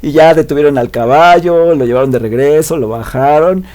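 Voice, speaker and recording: A man casually retelling a classic story as a literature video host, animated and chatty, tossing in tag questions. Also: fairly high pitch, normal speed.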